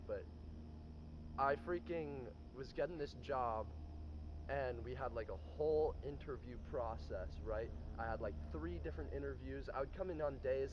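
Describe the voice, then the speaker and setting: A young man tells a rambling story in a loose, profane way, with plenty of filler words. His voice sits at an ordinary pitch. The recording sounds dull and lo-fi, with clear noise behind him. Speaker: comedian telling a story. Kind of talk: casual storytelling.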